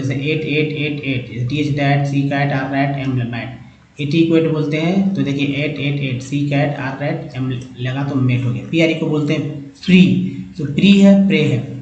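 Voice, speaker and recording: A man's voice: on the high side, darkish tone, dull audio. Man drilling English spellings in an echoey room. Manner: spells letter groups then sounds out words, repetitive drilling; addresses viewers as friends, emphatic. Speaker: English reading teacher. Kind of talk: slide-based phonics lesson.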